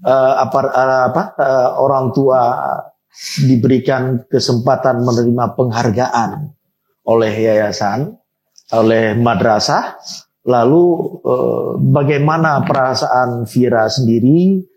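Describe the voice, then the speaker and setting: A man interviewing a student, asking gentle questions with many hesitant fillers. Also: mid-range voice, steady tone, slow.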